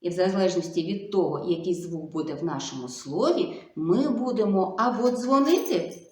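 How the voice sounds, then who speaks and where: A woman speech therapist giving a video lesson to young children, slow and coaxing, full of sing-song diminutives. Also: lowish voice, expressive, darkish tone, a little hiss or hum. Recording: echoey room.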